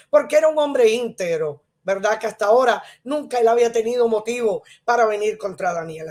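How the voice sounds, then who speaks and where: A woman's voice: a little high, darkish tone. A woman pastor preaching a sermon and reading Bible passages aloud, with frequent tag questions and emphatic exclamations. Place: TV studio.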